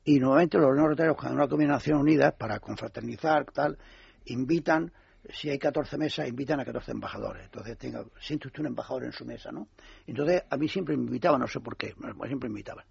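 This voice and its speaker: An older man from Spain tells a rambling story on a radio chat, going back over his words. His voice is gravelly and husky, picked up dry and close. The sound is dull and lo-fi. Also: medium pitch, quick pace, no room sound. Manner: rambling, animated storyteller with repetitions. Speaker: former ambassador, radio guest. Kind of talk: casual anecdote telling.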